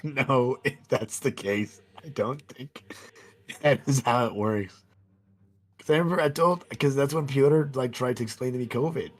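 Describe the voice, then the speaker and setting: A man with a rough, worn-out gravelly voice, chatting casually and chuckling now and then. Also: mid-range voice, moderate pace, slight background noise. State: hoarse, voice worn down. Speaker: friend in a game stream chat. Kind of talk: casual chat.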